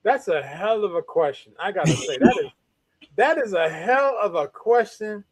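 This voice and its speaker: Man, from New York, co-host, high-pitched, laid-back, wry, dry recording. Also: expressive, moderate pace, no room sound. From New York, USA. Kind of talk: casual talk show discussion.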